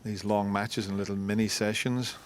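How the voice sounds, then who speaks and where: Low-voiced man commentating on snooker. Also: flat delivery, normal speed, background noise.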